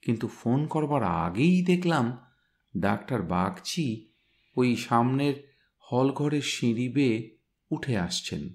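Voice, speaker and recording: A man reading a story aloud, voicing a smart young woman who briskly recounts a crime scene. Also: mid-range voice, expressive, darkish tone. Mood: animated, brisk.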